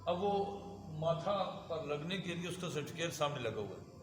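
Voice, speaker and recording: A man gives a classroom lecture as an Islamic teacher, constantly quizzing his students and having them repeat his words. His voice sits a little high. The recording rings with long reverb from a large hall, and steady background noise runs under it. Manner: lively, asks students questions and has them repeat.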